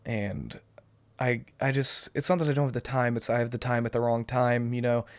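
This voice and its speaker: Talking straight to camera through a cheap webcam, this young man, a gaming YouTuber, fields viewer questions in a loose Q&A. His mid-range voice is steady and moderately paced with no room sound, though the flu has left it a bit off, and he wanders, hesitating with plenty of ums and false starts.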